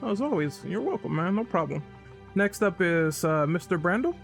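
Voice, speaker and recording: Male podcast host, casual delivery, slightly high voice, background music under the speech. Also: lively intonation, normal speed, creaky. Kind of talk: casual hosting and chat.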